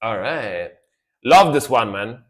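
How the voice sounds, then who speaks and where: A young Italian man, a non-native English speaker with an Italian accent, reacts to music on a live stream in a casual, enthusiastic way. His medium-pitched voice is expressive and slow, and he rambles, repeating words like "sick."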